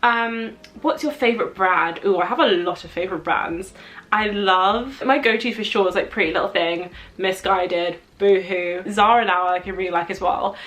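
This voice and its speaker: A woman's voice: medium pitch, moderate pace, fairly bright tone, low-quality recording. A young adult woman with a London accent chatting casually as she answers viewer questions, thinking aloud in a rambling way with frequent asides. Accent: London English. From London, England.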